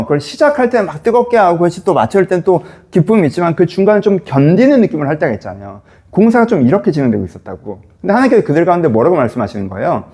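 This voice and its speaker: A man's voice: high-pitched, darkish tone. A male pastor teaching a Bible reading in a casual, conversational way, often turning to listeners with rhetorical questions.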